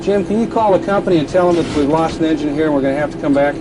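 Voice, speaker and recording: A man playing an airline captain in a simulator cockpit, firing off rapid orders and nagging his first officer during an engine emergency. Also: on the high side, heavy background noise, lightly acted. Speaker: airline captain in a training video.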